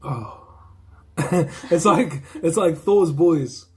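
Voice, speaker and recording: A man's voice: on the high side, lively intonation, extremely slow, husky. A man with a New Zealand accent, chatting casually and slangily about a film he reviewed. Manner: laid-back, slangy, rambling with restarts. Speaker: movie reviewer. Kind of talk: casual chat.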